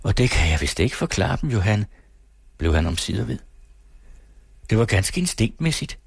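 A brooding, earnest young man from an old storybook, as a male reader plays him, slow and hesitant, pausing to search for words. The voice sits low and husky, recorded dry and close. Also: very animated, no room sound, heavily acted.

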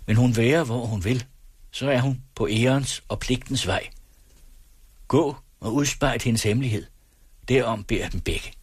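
A man voicing a dignified older woman who answers with imposing calm. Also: mid-range voice, husky, dry recording, clean studio sound, voice pushed up, close to an everyday voice. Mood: firm.

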